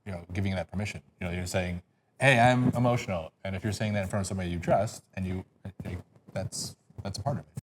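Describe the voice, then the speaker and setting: Low-voiced male co-host, supportive, some restarts, light noise behind. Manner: supportive, short agreeing replies, halting restarts. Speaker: podcast producer and co-host. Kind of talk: casual podcast conversation.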